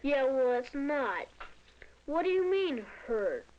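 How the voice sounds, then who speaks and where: A stubborn, boastful young child voiced by a woman speaks in a vintage educational film. The voice is high and very animated, with a matter-of-fact, defensive edge. The soundtrack sounds dull and old. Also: takes it slowly, slight background noise, exaggerated voice. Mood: proud. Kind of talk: scripted educational film dialogue.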